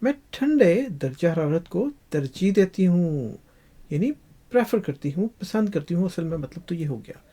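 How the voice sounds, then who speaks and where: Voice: mid-range voice, animated, normal speed, dark tone, slightly rough. A teacher giving a spoken English lesson, repeating each phrase and drawing out the English examples.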